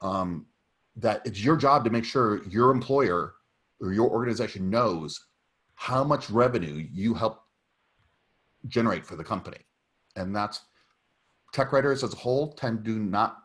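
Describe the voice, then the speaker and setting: A man's voice: on the low side, lively intonation, measured pace, long pauses, fairly bright tone. A man speaking on a video call, giving emphatic career advice with many restarts. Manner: emphatic, advising, with fillers and restarts. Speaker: technical writer at a meetup. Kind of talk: casual video call discussion.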